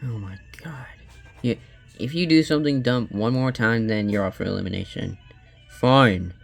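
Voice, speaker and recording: A man reacting to a video with sarcastic, bickering, deadpan asides. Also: lowish voice, moderate pace, creaky, soft background music. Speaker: video reactor voicing a cast of characters.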